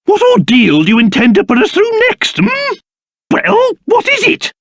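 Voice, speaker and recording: An actor playing a pompous, fussy old king turned into a small monster in a video game, with a British accent and a theatrical, excitable delivery. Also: extremely high pitch, normal speed, no echo, studio quality, exaggerated voice. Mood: alarmed, indignant.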